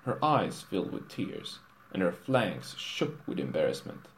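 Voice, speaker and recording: Deadpan low-voiced man narrating. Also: a little slow, a little hiss or hum, poor audio. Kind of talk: comic storybook reading.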